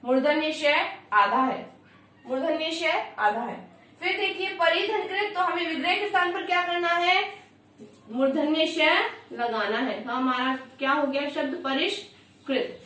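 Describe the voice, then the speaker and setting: A woman's voice: high-pitched, measured pace, bright, forceful tone. A woman teaching a Hindi grammar lesson for exam preparation, repeating each rule and asking and answering her own questions. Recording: echoey room, far from the mic.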